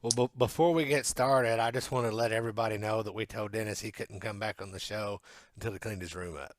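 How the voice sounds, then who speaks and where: A man's voice: fairly low pitch, fairly even intonation, fast, no room sound. Dry-sounding American male podcast co-host. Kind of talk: casual chat.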